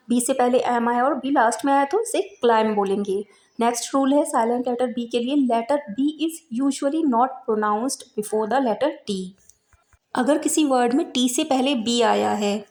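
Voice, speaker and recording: A woman's voice: fairly high pitch, a little mellow. A woman teaching an English spelling lesson, patiently spelling words out letter by letter. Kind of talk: explanatory spelling lesson in Hindi.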